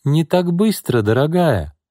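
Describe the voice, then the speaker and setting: A domineering middle-aged aunt, put on by a male audiobook reader who speaks high and loud, stretching her words out with scorn. Her voice is sharp and contemptuous, swinging widely in pitch. It sits close and dry, with no room around it. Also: big pitch swings, no echo. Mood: scornful. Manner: scornful, sharp, drawn-out hissing lines. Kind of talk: audiobook character voice.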